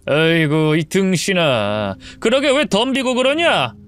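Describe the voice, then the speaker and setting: Woman doing a low-voiced cruel husband, sneering, storybook drama. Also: very animated, unhurried, fairly bright tone, exaggerated voice. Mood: contemptuous. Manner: sneering, insulting. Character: cruel cheating husband, contemptuous, middle-aged.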